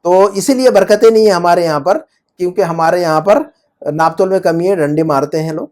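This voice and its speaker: A man's voice: high voice, darkish tone. A man teaching Arabic grammar in Urdu, explaining patiently and often asking his student check-up questions.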